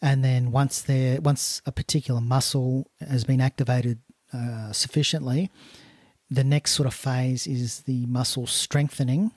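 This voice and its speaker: A man's voice: mid-range voice, fairly even intonation, measured pace, a little mellow, husky, no room sound, clean studio sound. A man hosting a casual interview, asking questions tentatively and rephrasing them as he goes. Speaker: podcast host.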